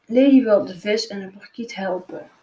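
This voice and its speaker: A woman reading a children's picture book aloud, slowly and with small slips and restarts. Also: mid-range voice, dark tone, roomy sound. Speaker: storybook reader.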